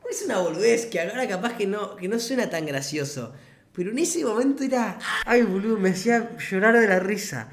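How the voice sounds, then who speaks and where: A man's voice: high voice, expressive, a little fast. A man in his twenties with an Argentine Rioplatense accent, casually telling a funny anecdote full of slang and often laughing as he talks. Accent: Argentine Rioplatense Spanish. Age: 20s. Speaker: vlogger. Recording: roomy echoey room.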